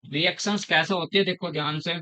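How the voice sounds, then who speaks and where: Bright-voiced male chemistry teacher. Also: a little high, fairly even intonation, low-quality recording. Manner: slow, repeats terms, quizzes students; calls students "beta". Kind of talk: classroom lecture. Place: classroom.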